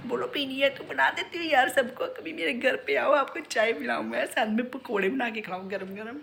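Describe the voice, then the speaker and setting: A woman's voice: high-pitched, a little fast, creaky, a bit bright, a little hiss or hum, low-quality recording. A middle-aged woman chatting playfully to her viewers in a casual home vlog. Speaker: vlogger.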